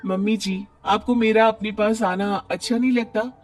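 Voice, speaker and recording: A man's voice: high-pitched, fairly even intonation, normal speed, soft background music, voice pushed up, close to an everyday voice. A man voicing a stubborn young wife in a cartoon story, insistent and lightly dismissive. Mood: defiant.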